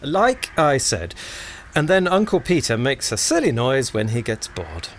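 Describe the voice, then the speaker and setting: A man's voice: mid-range voice, huge pitch swings, unhurried, a little hiss or hum. An actor playing a prim, gossipy 1920s male radio colleague in an amateur radio play, teasing and matter-of-fact.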